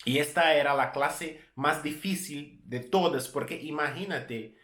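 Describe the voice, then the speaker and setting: In a roomy-sounding space, a man with a fairly high voice talks a little slowly as he shares a story on camera. He's a Brazilian travel vlogger in his thirties, a native Portuguese speaker with the accent to match, relaxed in manner and prone to correcting or repeating himself mid-sentence.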